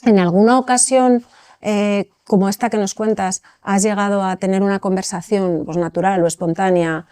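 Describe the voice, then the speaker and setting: A woman's voice: mid-range voice, fairly even intonation, normal speed, warm tone, clean tone, no echo, clean studio sound. A woman hosting an interview, asking long questions with frequent hesitations. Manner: hesitant, many fillers, builds long questions. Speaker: interview host.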